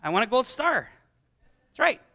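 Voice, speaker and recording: Very high, bright-voiced male preacher. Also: very animated, moderate pace, gravelly, slightly rough. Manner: chatty, with rhetorical questions and asides. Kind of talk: conversational sermon.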